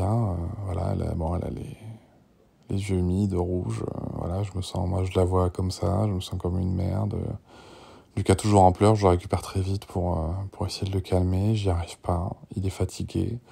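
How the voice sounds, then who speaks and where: A man in his thirties, a father recording a candid spoken audio diary, rambling and emotional with many restarts, sometimes dropping to a breathy whisper. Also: sits low, dark tone. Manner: drops to a breathy whisper at tense moments.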